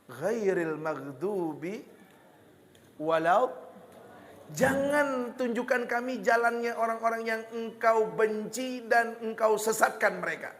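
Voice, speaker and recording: A man with a Betawi accent preaching a lively, joking sermon, slipping into Betawi slang. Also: very high-pitched, measured pace, big-room sound, slight background noise. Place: hall with religious gathering.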